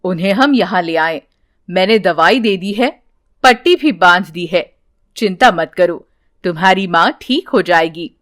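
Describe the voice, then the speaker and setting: A calm, kindly old holy man, as a woman reading the story puts him on, speaking gently to comfort a frightened child. The voice is pushed lower than the reader's own but stays light, and every phrase comes slowly and soothingly. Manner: soothing, reassuring, unhurried. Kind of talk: storybook character voice.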